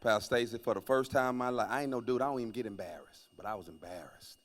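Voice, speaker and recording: A male comedian with a Southern American accent telling stand-up stories in a church, swinging from loud outbursts to mumbled asides. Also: medium pitch, quick pace. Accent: Southern American English. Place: church stage, live audience.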